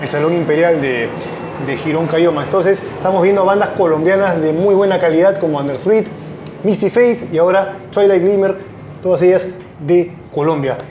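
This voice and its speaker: A man's voice: sits high, moderate pace, roomy sound, background noise. A man hosting a casual interview, steering the talk with short agreements. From Peru. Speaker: host.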